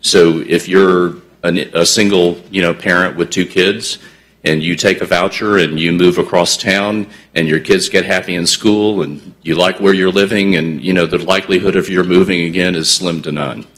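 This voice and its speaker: Male developer, deep voice, measured and explanatory, frequent fillers, public meeting testimony. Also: steady tone, a bit bright. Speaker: housing developer presenting to commissioners.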